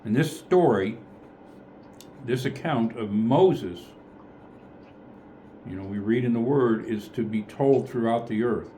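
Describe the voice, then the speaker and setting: A man's voice: medium pitch, slow pace, long pauses, mellow, a little hiss or hum. A man leading a casual group Bible study, thinking aloud in a tentative way and often correcting himself.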